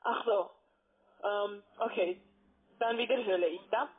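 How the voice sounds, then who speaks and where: Over a tinny, narrow-band phone line, a woman posing as a financial adviser for a call centre explains a sales pitch in German, which is not her first language. She speaks hesitantly and unhurriedly with a breathy edge and a foreign accent, often checking in with questions.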